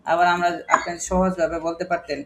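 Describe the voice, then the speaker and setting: A man's voice: high-pitched, flat delivery, a little fast, a bit bright, a little hiss or hum. A man with a Bangladeshi accent teaching a phonics lesson to a class, spelling words letter by letter and asking his students questions. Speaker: English teacher.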